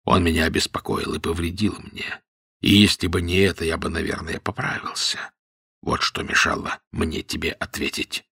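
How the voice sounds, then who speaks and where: A man voicing a king who feigns a weak, sickly voice, speaking faintly and haltingly in a low whisper. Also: fairly even intonation, fairly bright tone, breathy edge, no echo, studio quality, exaggerated voice. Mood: feeble, scornful.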